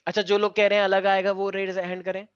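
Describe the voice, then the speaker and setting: A man's voice: sits high, completely flat delivery, quick pace, smooth, dry recording. Teasing male physics teacher, dull recording. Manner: teasing, talks to students directly, mixes in English phrases. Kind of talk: classroom lecture. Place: classroom with students.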